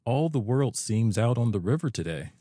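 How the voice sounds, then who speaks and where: A man's voice: mid-range voice, lively intonation, moderate pace, mellow, no echo, clean studio sound, voice pushed up, lightly acted. A man voicing a sociable, easygoing male otter in a storybook reading. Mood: chatty.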